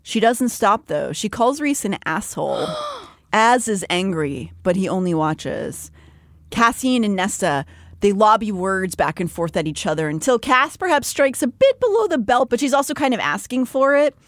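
A woman co-hosting a book podcast, recapping chapters in a relaxed, wry way. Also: mid-range voice, moderate pace, no room sound, clean studio sound. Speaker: podcast co-host.

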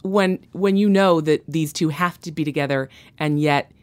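Low-voiced woman telling a story. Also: moderate pace. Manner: enthusiastic storytelling, acting out characters' lines. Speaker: guest. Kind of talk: casual podcast chat.

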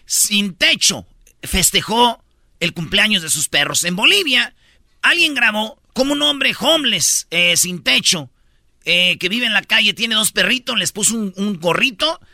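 A Mexican male radio host runs through comedic news items in an animated, joking way. His voice is high and very bright, with a gravelly fry at the edges. The studio sound is dry and close. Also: unhurried, no echo. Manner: animated and jokey, calling out "señores".

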